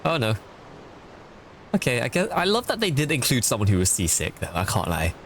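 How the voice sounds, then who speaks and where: A man streaming a game with casual, chatty, excitable commentary full of fillers. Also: mid-range voice, fairly quick, noisy background.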